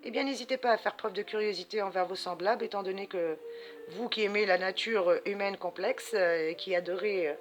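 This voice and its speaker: A woman's voice: mid-range voice, fairly quick. A woman hosting a card-reading channel, giving spiritual guidance to viewers in a chatty, affectionate way, calling them sweet pet names. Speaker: astrology and tarot channel host. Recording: music playing behind voice.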